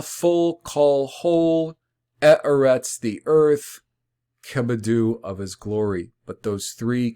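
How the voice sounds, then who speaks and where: Slow, deliberate man explaining scripture. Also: mid-range voice, a little mellow. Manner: deliberate, repeats words for emphasis; occasional fillers and restarts. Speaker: Bible language presenter.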